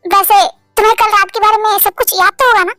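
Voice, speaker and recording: A man's voice: extremely high pitch, steady tone, quick pace, sharp tone, no echo, clean studio sound, faint music behind. A woman doing a teasing young male boss. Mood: earnest. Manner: playful, teasing. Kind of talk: Hindi fan-story voice acting.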